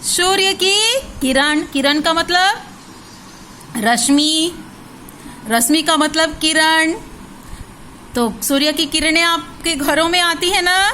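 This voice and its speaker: Woman teacher, high voice, very slow and drawn out, spelling words for little kids, faint hiss behind. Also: sharp tone, poor audio. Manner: spells words syllable by syllable, asks questions and answers them herself. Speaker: primary school teacher. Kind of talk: slow, drilled recitation lesson for young children.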